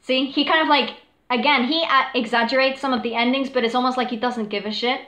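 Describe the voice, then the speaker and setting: A woman's voice: high-pitched, fairly even intonation, fast, pushed and bright, roomy sound. A woman streamer chatting casually at home, rambling with laughs, fillers and swearing. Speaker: live streamer talking about cover singing. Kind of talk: casual chat. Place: home room with a dog.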